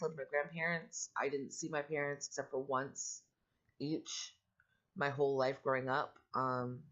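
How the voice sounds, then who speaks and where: Growly-voiced middle-aged woman, low-fi recording. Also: fairly bright tone, dull audio. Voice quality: growly, allergy-affected voice. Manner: candid, rambling, matter-of-fact. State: voice roughened by allergies. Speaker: vlogger and foster parent. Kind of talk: casual personal vlog talk.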